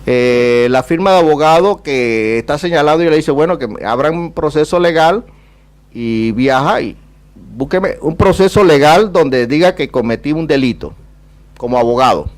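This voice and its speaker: A man's voice: fairly high pitch, lively intonation, moderate pace. A man with a Panamanian Caribbean Spanish accent speaks as an ambassador at a public talk, in a discursive, rhetorical way with emphatic repetition. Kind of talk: public talk with question and answer.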